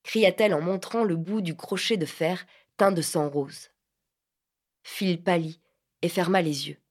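A woman narrating an audiobook of a literary novel in a measured, expressive reading. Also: on the low side.

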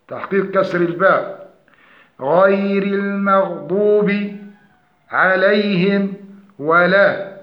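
A man teaching Quran recitation, explaining pronunciation errors and demonstrating the correct forms. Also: high voice. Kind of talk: tajweed lesson. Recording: echoey dull lo-fi room.

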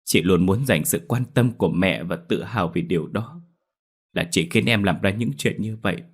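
A man voicing the vengeful female ghost of a young nurse, rasping and tearful, in a spoken horror story. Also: deep voice, normal speed. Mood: remorseful. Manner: rasping, wailing, then tearful.

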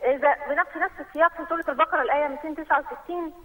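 A woman's voice: sits high, very fast, bright, forceful tone. A woman from Saudi Arabia calling in over the phone, asking her questions in one long run and reading out verse numbers and quotes. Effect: heard over a phone line. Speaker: caller. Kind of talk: phone-in question to a religious program.

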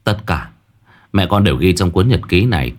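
A man's voice: sits low, expressive, normal speed. A man voicing an earnest young man who recounts his mother's story respectfully.

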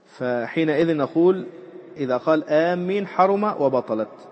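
A man's voice: expressive, normal speed. A male teacher gives a lesson on Islamic jurisprudence, reading lines from a classical text and then explaining them with fillers and repetition. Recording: muffled low-fidelity recording with faint background noise.

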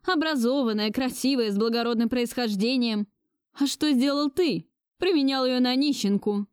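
A woman's voice: normal speed, a little mellow, clean tone, no echo, clean studio sound, lightly acted. A woman voicing a domineering, wealthy old grandmother who scolds in an imperious tone. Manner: shrill, imperious reproach. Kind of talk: audiobook dialogue reading.

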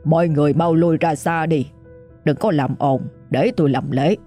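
A woman's voice: low voice, steady tone, moderate pace, mellow, faint music behind, lightly acted. A woman voicing an anxious male ritual master in a ghost story audiobook, giving hesitant, grave warnings.

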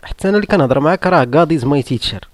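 Man, Moroccan accent, combative, mocking, rhetorical questions, slightly high voice, dry close sound. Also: animated, rapid-fire, no echo. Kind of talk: argumentative live-room monologue.

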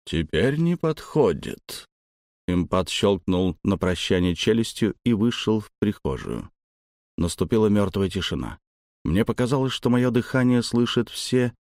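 A man narrating a first-person story in a steady, even way. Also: fairly low pitch, normal speed, no echo, studio quality. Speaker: audiobook narrator.

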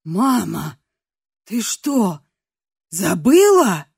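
A woman voicing a hulking, volatile man who shouts abuse, recorded close and dry. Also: mid-range voice, sing-song, extremely slow, gravelly, husky, no echo, full character voice. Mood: furious. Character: hulking cruel man, volatile, childish inside.

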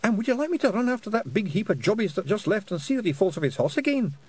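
A man voicing a tiny, nervous male fairy warrior with a high, squeaky Scottish-accented voice, bashful and stammering. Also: very animated, fast, breathy edge, full character voice. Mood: cheeky. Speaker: audiobook reader. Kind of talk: audiobook character voice.

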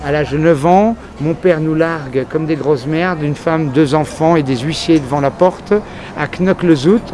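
Speaking at a normal speed in a voice on the high side, a man from France who works as a journalist talks frankly in a street interview. He rambles through a long story with plenty of fillers, set against crowd and traffic noise on a busy city street.

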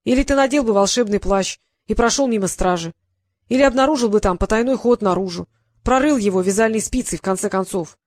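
A woman's voice: medium pitch, fairly quick, a little mellow, no room sound, studio quality, close to an everyday voice. A woman voicing a grumpy, talkative male creator who lectures and grumbles, in an audiobook reading. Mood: grumbling. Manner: irritable, lecturing, sighing.

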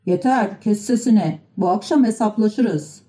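A woman voicing a big, gruff, stern male puppet-theatre owner in a storybook reading. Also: medium pitch, unhurried, dark tone, natural voice. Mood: angry.

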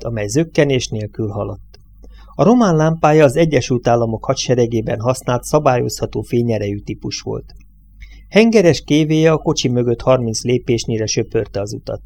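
Mellow-voiced man narrating a novel. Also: mid-range voice. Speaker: audiobook reader.

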